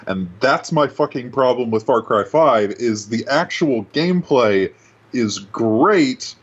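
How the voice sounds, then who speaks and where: A man in casual chat about video games over an online call, his voice pitched down a couple of semitones so it sounds unnaturally deep, swearing casually and laid-back. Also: expressive, takes it slowly. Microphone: computer mic over an online voice call. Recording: dull lo-fi voice call audio.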